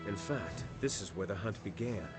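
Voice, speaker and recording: An actor playing a worldly male warrior companion in a video game, speaking in an earnest, measured, reflective way. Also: lowish voice, expressive, lightly acted. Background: loud game music.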